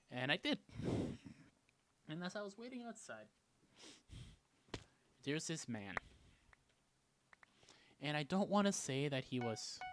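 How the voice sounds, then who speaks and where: A man from Canada telling a story in a casual vlog, animated, jumping between loud bursts and hushed asides. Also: medium pitch, background noise. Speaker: vlogger.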